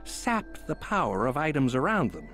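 A man's voice: medium pitch, wildly swooping pitch, moderate pace, fairly bright tone, soft background music. A man voicing an alien who poses as a human client, talking in a stiff, overly formal way to pass as human. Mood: stiffly formal. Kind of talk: game voice acting.

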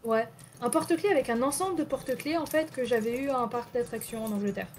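A young woman co-hosts a live stream, chatting casually and rambling with plenty of hesitations. Her voice is fairly high and darkish in tone, and she talks fast.

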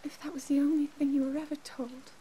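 A woman playing an earnest, troubled young princess in a fantasy video game, speaking formally and with measured care. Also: high voice, flat delivery, dark tone, slight background noise, close to an everyday voice. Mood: wistful, reflective. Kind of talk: dramatic video game cutscene acting. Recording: studio voice over background music.

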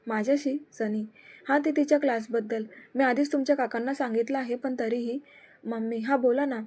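A woman narrating a serialized love story and reading all the characters' dialogue in one steady voice. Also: fairly high pitch, brisk, husky.

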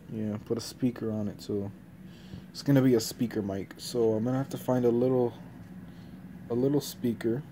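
With a dark tone and mid-range pitch, a young man meanders through offhand, hesitant vlog chatter, sounding like an amateur in a small bedroom. He holds his phone at arm's length, and the noisy recording carries clear hiss.

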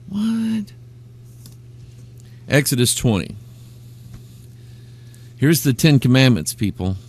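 A man's voice: mid-range voice, slightly rough. A middle-aged man preaching on a live webcast, a pastor who retells arguments with rising, emphatic passion.

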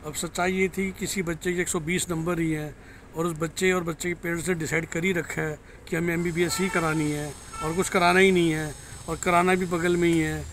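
Holding his phone camera out at arm's length in a parking lot, a middle-aged career counselor gives a frank, warning-filled review vlog. His voice is high-ish, level, brisk and fairly bright, and a little hiss or hum runs under it.

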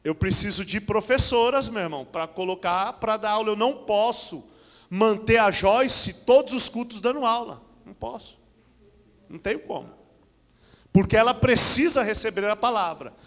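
A middle-aged Brazilian pastor speaks into a handheld microphone, his voice pitched high for a man, peppering his preaching with amens and hallelujahs. The sound rings out with a long reverb through a large church hall. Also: normal speed. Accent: Brazilian Portuguese. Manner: animated preaching with frequent amens and hallelujahs, paces the stage. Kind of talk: church announcements and sermon.

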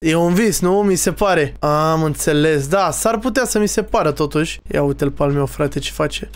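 A young man giving casual, excitable gaming commentary, teasing other players and talking to his viewers. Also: on the high side. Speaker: streamer playing a Minecraft role-play server.

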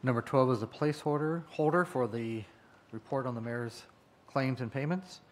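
A man's voice: medium pitch, moderate pace. A man reading out a council meeting agenda in a matter-of-fact, procedural way.

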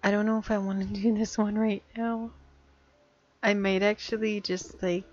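A woman's voice: mid-range voice, highs cut off, slight background noise. Chatty woman muttering over gameplay. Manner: chatty, muttering to herself, often half-whispered. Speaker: gameplay streamer. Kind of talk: casual gameplay commentary.

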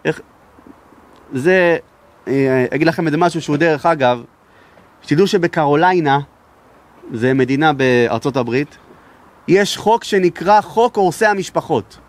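High-voiced emphatic Israeli rabbi. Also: male voice, long pauses. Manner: raises his voice to be heard, emphatic. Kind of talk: sermon with storytelling.

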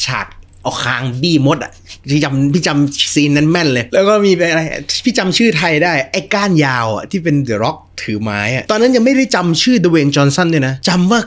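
Animated man telling stories, lively pitch. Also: brisk. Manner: animated, full of exclamations. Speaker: host. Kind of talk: casual storytelling chat.

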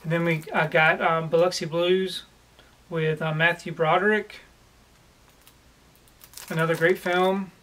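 A man in his forties, seated at home, casually presenting his collection haul with a relaxed, plain manner and frequent pauses. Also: a little high, slight background noise. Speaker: collector vlogger. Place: home room lined with disc shelves, indoors.

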